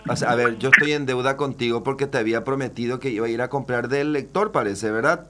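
A man's voice: mid-range voice, fast, fairly bright tone. A man hosting a casual interview, asking short friendly questions with hesitant fillers. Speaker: radio host.

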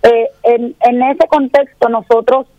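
A woman's voice: on the high side, fairly even intonation, unhurried, mellow, no echo, muffled recording. A woman lawyer being interviewed, explaining her case step by step and often checking in with tag questions. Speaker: defense lawyer, interview guest. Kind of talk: phone-in radio interview.

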